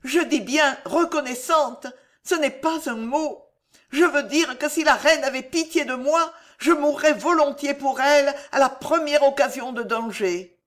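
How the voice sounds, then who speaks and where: Woman voicing a desperate, pleading young spy. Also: a little slow. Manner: high imploring cries.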